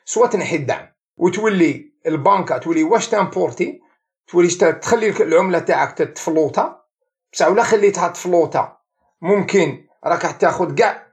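An Algerian economics professor with a high-pitched voice speaks a little fast as the guest of an interview. He explains things animatedly, mixing French and English words into his speech.

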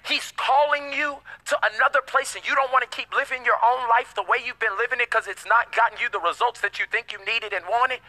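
A man's voice: very high-pitched, steady tone, a little fast, hardly any pauses, bright, forceful tone, low-quality recording. A man preaching a sermon as pastor, emphatic, with call-and-response and casual slangy asides.

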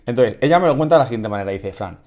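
Animated man telling a story. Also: mid-range voice, racing. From Spain. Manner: animated, acts out quotes of others. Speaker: podcast co-host. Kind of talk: casual comedic storytelling.

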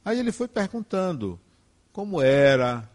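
An older man with a Brazilian Portuguese accent, speaking as a spiritist, tells his personal testimony slowly, emphatically, and with emotion. His voice sits on the high side, and he is very animated.

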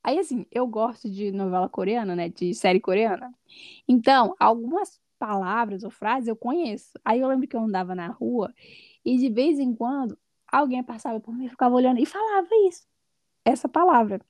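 A woman guest on a podcast, telling her stories in a casual, lively way and laughing often. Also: fairly high pitch, brisk, no room sound. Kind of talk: casual conversational storytelling.

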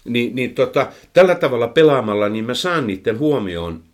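A man's voice: medium pitch, big pitch swings. A man speaking as a horse trainer, explaining his methods at length in casual chat, with frequent fillers and repeated words. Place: indoors, recorded for a microphone.

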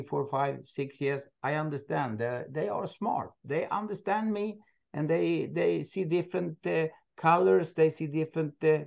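A Swedish man who owns a moose park, speaking halting, non-native English with many restarts and frequent laughs in a casual interview. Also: fairly high pitch, creaky, darkish tone, muffled recording. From Sweden. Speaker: moose park owner, guest.

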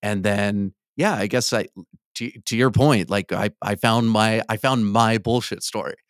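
A man in casual conversation as a guest, talking candidly in a hesitant, halting way. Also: lowish voice, dry recording, studio quality.

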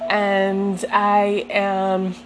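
A woman chatting casually and unscripted to viewers in a reflective, meandering, gently self-affirming way, as a vlogger does. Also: medium pitch, completely flat delivery, drawn-out words, noisy background. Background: soft sentimental music.

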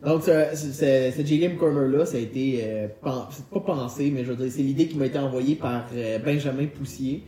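Presenting a car segment, this podcast host chats and spins stories in a joking, colloquial manner, his Québécois French accent clear. His medium-pitched, mellow voice runs a little fast with hardly any pauses. Music plays under a roomy, echoing recording.

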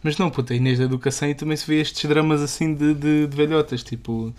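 A man's voice: on the high side, steady tone, fast talker, darkish tone. A young man with a European Portuguese accent co-hosting a casual podcast from home, with loose, swearing, laughing banter. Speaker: podcast co-host. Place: home room.

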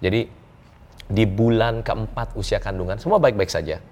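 A middle-aged man, a guest telling a personal story in an interview, animated and quick to laugh. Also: on the low side, a little hiss or hum. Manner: animated, laughs often, acts out dialogue.

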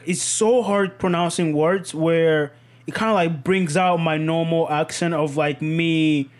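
High-voiced rambling male podcast host. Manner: rambling, tags lines with "okay?"; laughs at himself, animated. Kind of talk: casual chat.

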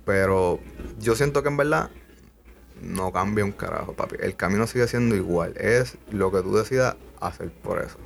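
A man's voice: on the low side, normal speed, creaky. A young man hosting a podcast, talking casually and earnestly, peppering his speech with swearing. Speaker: podcast host. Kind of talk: casual conversation.

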